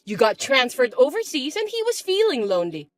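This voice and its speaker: A woman voicing a spiteful, bossy young stepsister who talks in a shrill, mocking, shouty way. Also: wildly swooping pitch, fairly quick. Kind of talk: chat-story voice acting.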